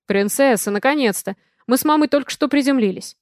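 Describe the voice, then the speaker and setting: A woman reading aloud, voicing a cheerful, bossy wealthy father in a brisk manner. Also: high voice, no echo, studio quality, natural voice.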